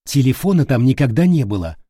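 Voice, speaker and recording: A man voicing a calm, firm young woman in an audiobook. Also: mid-range voice, fast, breathy edge, dry recording, clean studio sound. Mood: dry. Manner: level, commanding. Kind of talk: audiobook character voice.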